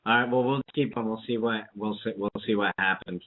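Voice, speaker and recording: A man's voice: on the low side, fairly even intonation, brisk. Man on a breaking-up phone line. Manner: rambling, self-interrupting. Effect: choppy phone line that keeps breaking up. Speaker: radio show host. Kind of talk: casual call-in radio chat.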